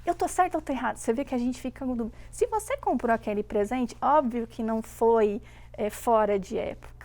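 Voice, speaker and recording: Woman with a creaky, higher voice. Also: a little fast. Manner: animated storytelling with voiced quotes. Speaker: guest mother. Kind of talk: casual chat.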